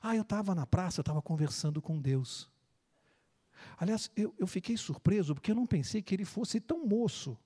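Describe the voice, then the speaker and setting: A preacher in a sermon story voicing a lonely, elderly man who speaks softly and confidingly. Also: medium pitch, lively intonation, a little fast, husky, big-room sound. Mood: moved. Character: lonely old man, gentle and moved.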